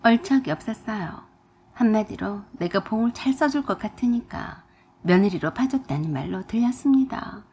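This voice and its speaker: A woman narrating a first-person family story in a lively, expressive way. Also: mid-range voice, normal speed, slight background noise.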